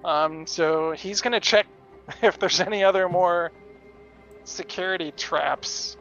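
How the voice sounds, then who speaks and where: A man's voice: sits high, slow pace, a bit bright, highs cut off, faint music behind. A man playing a tabletop game, talking hesitantly with many fillers. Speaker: player. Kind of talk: casual tabletop game chat.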